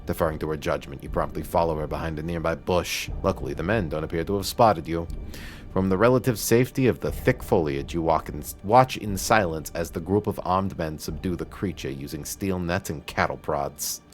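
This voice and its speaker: A man streaming, reading a visual novel's narration aloud in a steady voice with occasional stumbles. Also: sits low, brisk, faint music behind. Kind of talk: reading game text aloud.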